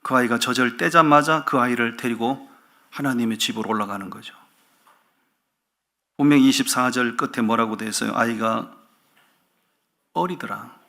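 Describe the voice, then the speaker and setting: A male pastor delivers a Sunday sermon with animated emphasis and frequent rhetorical questions. His voice is gravelly with a bright, forceful edge. He sits at an ordinary mid pitch for a man.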